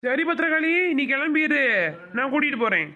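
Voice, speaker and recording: A woman voicing an easygoing village husband in a cartoon, talking brisk and teasing with a Madurai Tamil accent. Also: high voice, lively intonation, narrow, tinny audio. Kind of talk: cartoon voice acting.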